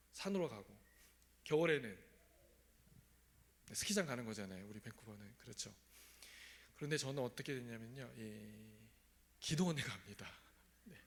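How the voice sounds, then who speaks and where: A man preaching a sermon in a church, telling his own story and often asking the congregation questions. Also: a little high. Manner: asks the congregation questions, conversational. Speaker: pastor. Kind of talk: sermon with personal testimony. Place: church sanctuary.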